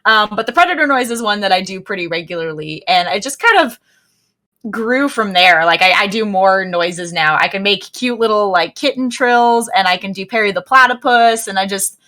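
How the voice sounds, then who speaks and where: A young woman from the United States talks casually over a video call. Her voice is bright and forward, and her delivery is chatty and self-deprecating. She laughs easily between her thoughts. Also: mid-range voice, lively intonation, normal speed. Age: young adult. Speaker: streamer guest. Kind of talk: casual podcast interview.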